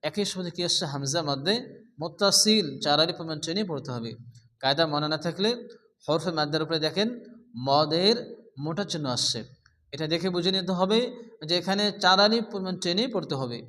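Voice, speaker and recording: A man teaching Quran recitation step by step with a Bangladeshi Bengali accent, explaining patiently, asking the class questions and chanting the verses slowly and melodically. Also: fairly high pitch, pushed and bright. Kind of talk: step-by-step tajweed lesson. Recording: long reverberant echo.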